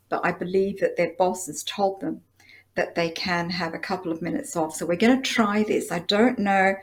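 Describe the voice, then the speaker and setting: A woman hosting a live awards presentation, effusive and affectionate toward the winners. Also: fairly low pitch. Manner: effusive, calls people "my girl" and "darling". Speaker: host announcing winners.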